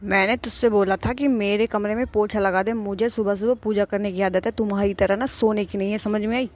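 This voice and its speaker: A woman's voice: medium pitch, fairly even intonation, fairly quick, a little mellow, natural voice. A woman voicing a scheming, bossy old mother-in-law in a cartoon, scolding and nagging. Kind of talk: cartoon voice acting.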